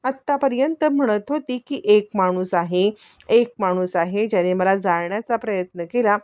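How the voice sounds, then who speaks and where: A woman's voice: moderate pace, darkish tone, no room sound, natural voice. A woman voicing a scheming young woman who feigns innocence, whiny and pleading. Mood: pleading fake. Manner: whiny, pleading, high-pitched.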